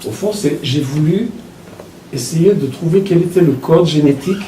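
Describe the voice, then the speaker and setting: A man in his sixties from Belgium, an author recounting his childhood in a reflective, halting way. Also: on the high side, warm tone, slight background noise. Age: 60s. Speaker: author talking about his book. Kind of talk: personal storytelling talk. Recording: echoey room from a distance.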